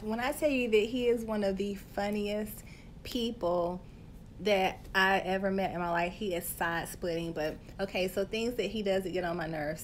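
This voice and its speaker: A woman's voice: mid-range voice, a little hiss or hum. A woman hosting a casual live stream on her phone, chatty and playful, reading viewer comments and talking straight to her audience. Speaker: host of a live stream, health coach.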